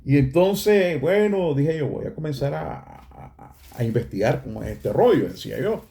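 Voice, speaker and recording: Middle-aged Nicaraguan man, mellow-toned, telling his faith story in an earnest, heartfelt way. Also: fairly high pitch, lively intonation, normal speed, vocal fry. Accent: Nicaraguan Spanish. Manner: earnest, emotional, addresses listeners as brothers. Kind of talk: personal faith testimony.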